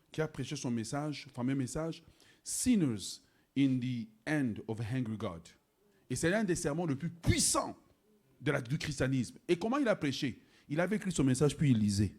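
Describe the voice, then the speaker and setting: A man preaching a sermon to his church, moving between quiet, laughing asides and loud, shouted exhortation. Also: fairly high pitch, slightly rough. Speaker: pastor. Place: church sanctuary.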